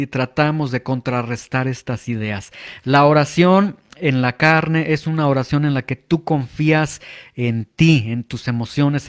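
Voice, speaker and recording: A man preaching a teaching sermon, explaining calmly with frequent filler pauses. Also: fairly high pitch.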